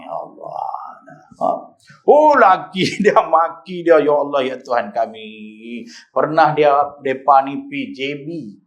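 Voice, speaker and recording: A middle-aged man, giving an evening religious lecture as a preacher and telling stories with lively, acted-out quotes. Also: lo-fi sound. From Malaysia. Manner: storytelling with animated jumps in pitch and acted-out quotes.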